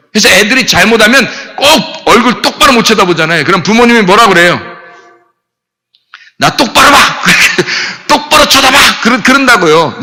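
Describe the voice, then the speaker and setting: A male pastor preaches a Sunday sermon in a high, very bright voice. He repeats his points and asks the congregation rhetorical questions. A long reverb from the church sanctuary trails behind each phrase. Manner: emphatic preaching with many repetitions and rhetorical questions.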